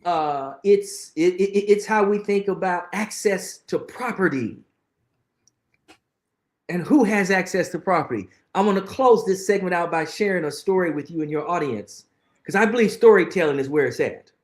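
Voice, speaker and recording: With a high-pitched voice at normal speed, a middle-aged guest on an interview show speaks earnestly and emphatically, telling reflective stories and repeating phrases for weight. The recording has reverb.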